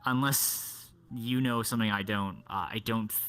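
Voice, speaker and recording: A man's voice: lowish voice, fairly even intonation, moderate pace, a bit bright. A man chatting in character during a roleplay stream, easygoing with a dry, menacing edge. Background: faint music.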